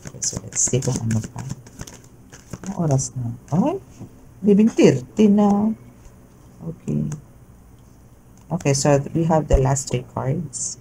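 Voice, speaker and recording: A woman's voice: low voice, measured pace, creaky, pauses often, rough recording. A woman giving a chatty, casual tarot reading to a viewer, mixing Tagalog and English and often checking in with tag questions. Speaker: tarot reader. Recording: steady background noise.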